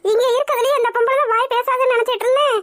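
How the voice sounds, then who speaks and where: A woman's voice: extremely high pitch, fairly even intonation, racing, fairly bright tone. Woman voicing a nosy gossiping village aunty. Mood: insistent. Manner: complaining, insistent. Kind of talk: cartoon voice acting.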